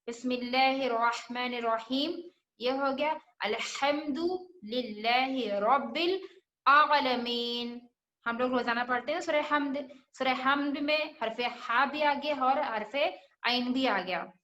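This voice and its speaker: In a reverberant space, a high-voiced woman with a fairly bright tone takes her time guiding children through Quran recitation. She patiently repeats every letter sound and poses questions as the lesson goes on.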